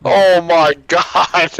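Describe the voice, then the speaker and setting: A man chatting casually on a gaming stream, his voice sitting a little high. He rambles through stories, padding them with fillers and breaking into laughs. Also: vocal fry, a bit bright, no echo, low-quality recording. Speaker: guest streamer. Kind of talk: casual storytelling chat.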